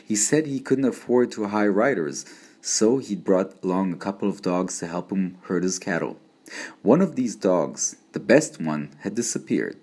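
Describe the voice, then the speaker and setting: A man reads a story aloud in a very deep voice. His narration is steady and measured, told in the first person. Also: slightly rough. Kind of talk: audiobook narration.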